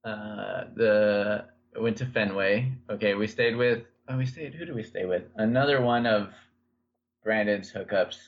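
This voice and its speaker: A man with a fairly low voice chatting on a podcast, relaxed and rambling as he tells a story. The recording sounds a bit dull and lo-fi. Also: measured pace, slight background noise. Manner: relaxed storytelling with many fillers. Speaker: podcast co-host. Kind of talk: casual podcast chat.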